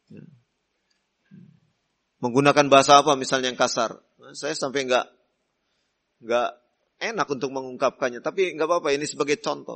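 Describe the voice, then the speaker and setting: A middle-aged male preacher delivers a sermon at an unhurried, deliberate pace. His voice sits fairly high for a man, and he leans on "ya" as a filler. He drops into a softer voice to act out polite hosts. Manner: slow, deliberate teaching with frequent "ya" fillers; acts out polite hosts in soft voice. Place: Islamic boarding school hall.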